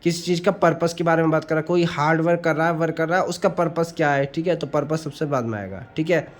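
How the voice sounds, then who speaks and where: A man's voice: fairly high pitch, fast. A man teaching grammar for exam preparation, explaining step by step, asking questions and answering them himself, often saying "ठीक है". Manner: often says "ठीक है" between points. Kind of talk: exam-prep grammar lesson.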